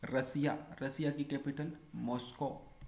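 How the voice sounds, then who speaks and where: A man's voice: mid-range voice, steady tone, takes it slowly, a little mellow. A man teaching a lesson, drilling each item by asking it as a question and answering it himself. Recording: echoey room.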